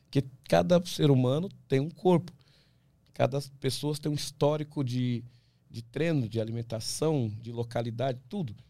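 A man, an ultramarathon runner from Brazil, talking as a podcast guest, animated and full of restarts, acting out what others say. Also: mid-range voice, moderate pace, no room sound. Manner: animated storyteller, many restarts, acts out quoted voices. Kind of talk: casual interview talk.

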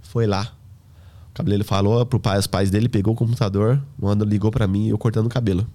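A man's voice: on the low side, quick pace. A man telling stories in a casual podcast, acting out dialogue with street slang. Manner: animated, acts out dialogue with slang. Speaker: hair stylist guest.

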